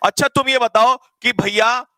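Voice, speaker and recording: A man teaching an online English grammar class, quizzing students rapid-fire in a teasing, energetic way. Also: very high-pitched, dry recording, low-quality recording.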